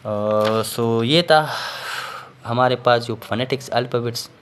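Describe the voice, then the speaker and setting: A man teaches a recorded lesson at a middle pitch. He explains step by step, often pausing on filler sounds and checking in with the listener before moving on. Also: clean tone. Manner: explains patiently, repeats "theek hai" and fillers. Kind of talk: recorded classroom lecture.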